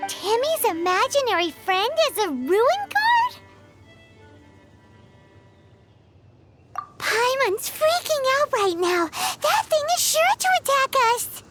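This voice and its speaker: A woman voicing a tiny, excitable fairy companion girl who talks about herself in the third person. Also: extremely high pitch, measured pace, few pauses, full character voice. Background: game music.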